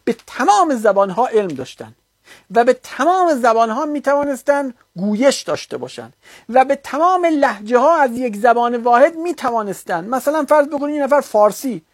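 A man's voice: extremely high pitch, very animated, dry recording. Dry-sounding man giving an argumentative religious lecture. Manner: argumentative, rising to heated rebuttal.

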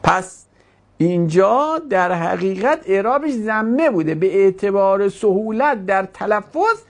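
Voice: mid-range voice, expressive. A teacher giving a grammar lesson to a class, asking questions and drawing out words while explaining.

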